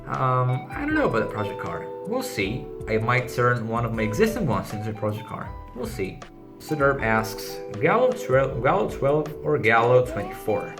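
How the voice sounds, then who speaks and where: Very animated and speaking at a moderate pace in a mid-range voice, this Greek-accented man from Greece hosts a car channel. In a relaxed vlog with background music, he reads questions aloud and gives short, matter-of-fact answers.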